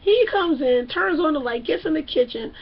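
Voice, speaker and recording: A woman's voice: sits high, lively intonation, moderate pace, muffled recording. A woman hosting a casual comedic TV recap in a brash, profane way, putting on voices for the people she describes. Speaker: TV show recap host.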